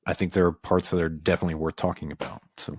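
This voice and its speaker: A podcast guest from the American South speaks in a very low, slightly mellow voice with little pitch movement. In casual conversation he is reflective and halting, full of "like" and "um." The sound is dry and close, with no room ambience.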